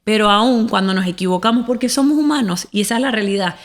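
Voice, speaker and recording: A woman at a medium pitch speaks earnestly and reflectively, sharing a faith testimony on a podcast. Her delivery is casual and conversational. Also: fast talker. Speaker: podcast co-host.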